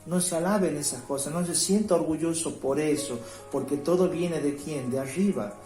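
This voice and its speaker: A man preaching a home devotional sermon. He reads scripture slowly and keeps checking in with his listeners by asking "¿sí?". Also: a little high, warm tone. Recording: roomy echo with faint music.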